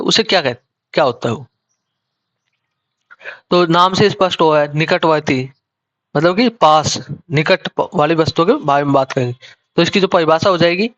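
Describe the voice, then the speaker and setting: A man with a somewhat high voice teaches a grammar lesson. He explains slowly and repeats himself, often breaking off and restarting his phrases. The recording sounds dull and lo-fi. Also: a bit bright. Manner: slow, repetitive explaining with self-corrections.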